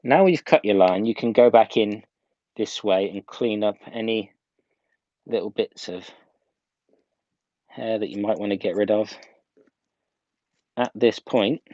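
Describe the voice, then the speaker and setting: A hairdressing instructor works through a casual, step-by-step live video demonstration indoors at home, stressing key points by repeating them. He speaks unhurriedly at a fairly low pitch with a dark tone and frequent pauses. The recording is muffled but has no echo.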